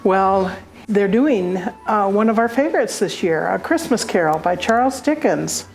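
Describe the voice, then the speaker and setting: Woman as Mrs. Claus, gentle and slow-spoken. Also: mid-range voice, animated, poor audio. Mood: amused, informative. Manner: gentle, chuckling, unhurried. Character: Mrs. Claus, fond, homey, gently amused older wife. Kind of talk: audio drama dialogue.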